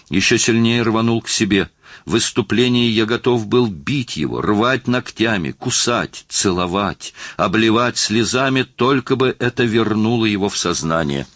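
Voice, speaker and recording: A man with a deep, low-pitched voice narrates an audiobook. His reading is dramatic and charged with emotion. The sound is close and dry, with almost no room echo. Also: lively intonation, moderate pace, fairly bright tone.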